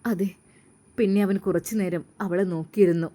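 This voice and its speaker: A woman storyteller narrating a story in a calm, gentle way. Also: fairly low pitch, normal speed. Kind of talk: scripted narration.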